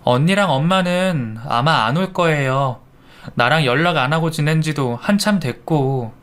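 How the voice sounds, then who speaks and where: A man voicing a gentle young wife in a Korean radio drama, speaking softly and politely. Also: fairly high pitch, moderate pace, close to an everyday voice. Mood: subdued.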